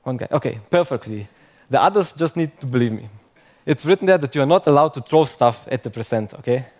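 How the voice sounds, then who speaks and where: A young man speaks fast in a mid-range, expressive, slightly mellow voice as he gives a conference talk to a live audience. English isn't his first language; he's chatty and self-mocking, often wrapping up points with "okay?".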